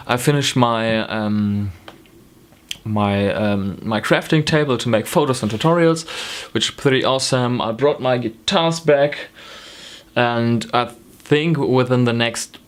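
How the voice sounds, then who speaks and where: In a smooth, mid-range voice that runs a little slow, this young German knitting vlogger talks casually to camera with a German accent. The shot is close, in a small room at home, and he rambles, often pausing on um and correcting himself.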